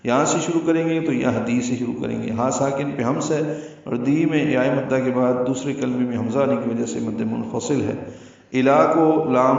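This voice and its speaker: Male recitation teacher, methodical, chants verses slowly, muffled roomy sound from a distance. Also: medium pitch, darkish tone. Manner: explains rules step by step, then chants verses slowly. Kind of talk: tajweed lesson with recitation. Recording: echoey, distant, slightly dull sound.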